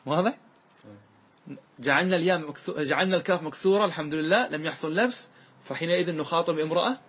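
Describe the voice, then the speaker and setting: A man teaching a classical grammar lesson as a sheikh, explaining step by step, often checking that listeners follow, and drawing out example words slowly when he recites them. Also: on the high side, a bit bright, husky.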